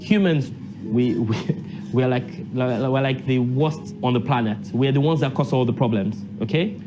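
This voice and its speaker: A man's voice: mid-range voice, normal speed, music in the background. A man from Nigeria, talking emphatically in an interview, repeating phrases and asking himself questions. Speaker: university lecturer and assembly delegate. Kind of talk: casual interview.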